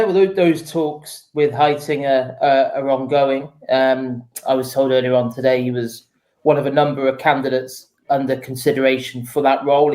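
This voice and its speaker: A man answering interview questions as a football journalist, explaining things in a measured, conversational way. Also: medium pitch, darkish tone, rough recording. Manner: measured, explanatory, often says "you know". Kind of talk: casual interview answers, informed analysis.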